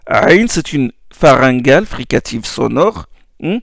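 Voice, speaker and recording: A man teaching pronunciation in a slow, patient spoken lesson, repeating each sound for listeners to copy. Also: mid-range voice, sing-song, vocal fry, no room sound, clean studio sound. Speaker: Quran recitation teacher.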